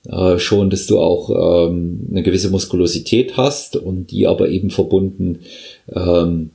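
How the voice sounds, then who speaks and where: A man hosting a podcast interview, talking in a halting, affirming way as a fellow trainer. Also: low-pitched, fairly even intonation, creaky, warm tone.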